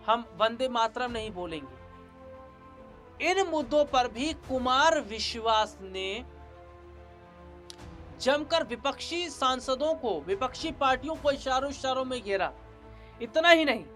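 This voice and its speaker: A man's voice: very high voice, a bit bright. A man presenting a news report, emphatic, repeating points and asking rhetorical questions. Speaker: news anchor. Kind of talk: news commentary. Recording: faint background music.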